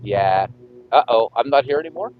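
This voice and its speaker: A man's voice: medium pitch, animated, normal speed. A man co-hosting a live stream in casual chat, his voice coming through with a tinny transistor-radio sound, upbeat and grateful. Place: home room. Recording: dull lo-fi mic with faint hiss.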